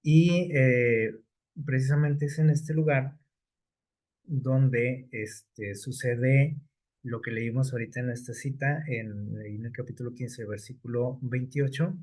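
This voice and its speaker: A man preaching a sermon, unhurried, often pausing on fillers and checking with his listeners. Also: mid-range voice, fairly even intonation, darkish tone.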